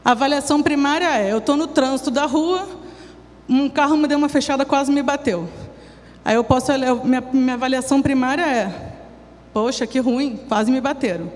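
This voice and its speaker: A woman's voice: high-pitched, a little fast, darkish tone. A woman giving a talk at a church recovery program, explaining in a conversational way with everyday examples. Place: church hall. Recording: long hall reverb, faint hum.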